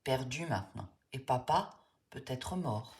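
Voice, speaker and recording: A woman voicing a quiet, sad young refugee boy in a cartoon, speaking in halting, short broken phrases. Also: extremely low pitch, expressive, heavily acted. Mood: sorrowful. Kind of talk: cartoon voice acting.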